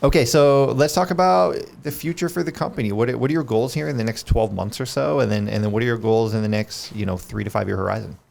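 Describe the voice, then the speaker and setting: A man's voice: mid-range voice, fast talker, creaky, few pauses, a little mellow. A man hosting a podcast interview, chatty and restarting his phrases. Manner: chatty, repeats words when starting. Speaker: podcast host. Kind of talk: casual interview talk.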